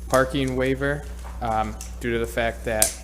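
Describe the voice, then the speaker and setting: A man's voice: mid-range voice, steady tone, a little slow, noisy background. A man, a business owner requesting a permit at a public hearing, speaking hesitantly with many fillers.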